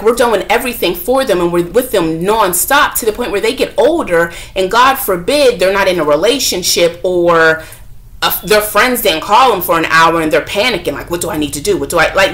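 A woman talking frankly to camera as a vlogger and mother, chatty and expressive, sometimes acting out what others said. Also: mid-range voice. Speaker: self-help vlogger and mother. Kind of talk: candid talk to camera.

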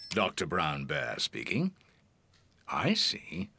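An actor voicing a kindly male bear doctor in a cartoon, with a slow, reassuring manner. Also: deep voice, wildly swooping pitch, creaky, noisy background, heavily acted.

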